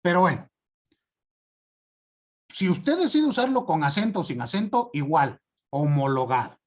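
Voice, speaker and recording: A man giving a class lecture, stressing key words and often asking students if it is clear. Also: fairly high pitch, big pitch swings, normal speed. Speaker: law teacher.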